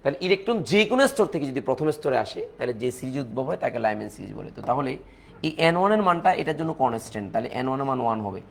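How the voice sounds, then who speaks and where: A man's voice: mid-range voice, big pitch swings, gravelly, a little hiss or hum. A man with a Bangladeshi accent teaching a chemistry lecture, repeating key points and mixing in English phrases. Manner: fast, repetitive teaching talk with English mixed in.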